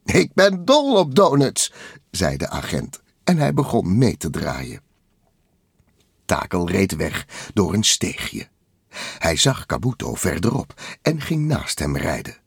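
Low gravelly guy reading a storybook, slow, close dry mic. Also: no echo. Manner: lively, expressive reading. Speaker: narrator. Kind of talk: storybook read-aloud narration.

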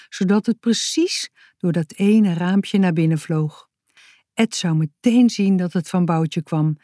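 A woman reading a children's book aloud in a calm, measured narrating voice. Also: fairly low pitch, no echo, studio quality.

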